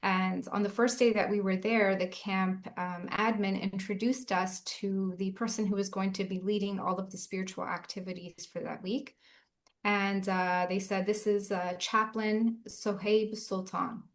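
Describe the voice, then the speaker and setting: A woman's voice: medium pitch, little pitch movement, measured pace. A woman, a chaplain telling her story in an earnest, reflective way as a guest in a casual interview. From Southern California.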